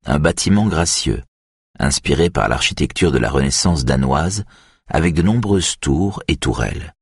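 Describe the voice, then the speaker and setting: Very deep husky male narrator. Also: expressive, moderate pace, no room sound, studio quality. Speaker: audiobook narrator. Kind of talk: scripted narration.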